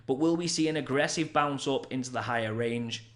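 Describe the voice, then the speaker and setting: A man's voice: mid-range voice, brisk, fairly bright tone. A man hosting a chatty crypto news roundup, upbeat and hyping each story.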